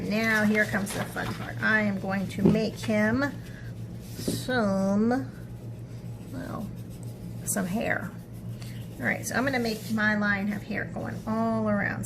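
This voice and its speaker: A woman with a medium-pitched voice guides children through an art project step by step, chatting casually, thinking aloud, and checking in with little tag questions. Background noise is clearly audible.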